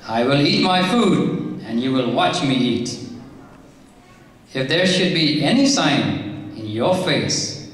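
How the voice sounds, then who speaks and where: A man voicing a proud, cruel queen in a loud, raucous and mocking voice, in a storytelling skit. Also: medium pitch, expressive, slow pace, pauses often. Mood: haughty. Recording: echoey hall, from far off.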